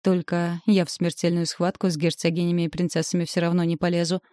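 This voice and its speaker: A woman narrating a fantasy novel in the first person, with an even storytelling manner. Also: fairly low pitch, quick pace, dry recording, studio quality. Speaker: audiobook narrator.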